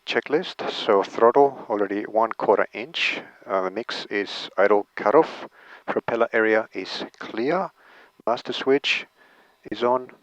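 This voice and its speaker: A man's voice: fairly low pitch, fairly bright tone, dry recording, dull audio. A man training as a pilot, hesitantly thinking aloud through cockpit checklists and radio calls on an intercom headset. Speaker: student pilot. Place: cockpit of a small light aircraft. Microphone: aviation headset over intercom. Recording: close, dry aircraft intercom headset.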